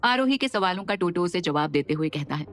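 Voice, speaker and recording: A woman's voice: on the low side, a little fast. Woman narrating a dramatic audio story. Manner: expressive and steady. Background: faint background music.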